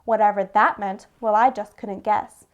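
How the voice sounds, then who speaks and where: A woman reading a rhyming children's story aloud with expressive narration. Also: medium pitch, moderate pace, lo-fi sound. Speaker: storybook reader.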